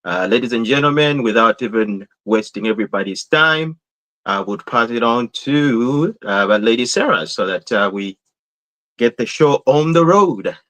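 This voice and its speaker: A man opens a show as co-host. His voice is middle-pitched, and he addresses listeners formally and courteously. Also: animated, normal speed, a bit bright, rough recording.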